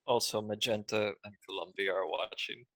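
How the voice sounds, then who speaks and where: A man's voice: lowish voice, steady tone, normal speed, a bit bright, dry recording. A man co-hosting a podcast in casual chat, adding joking asides and comparisons. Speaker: podcast co-host.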